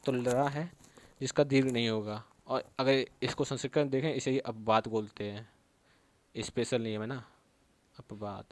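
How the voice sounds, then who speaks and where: A man's voice: mid-range voice, steady tone, moderate pace. A man teaching a Sanskrit grammar lesson for exam preparation, with a Hindi accent from Uttar Pradesh. He repeats key terms and keeps checking in with his students. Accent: Hindi speaker from Uttar Pradesh. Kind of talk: exam-prep grammar lecture.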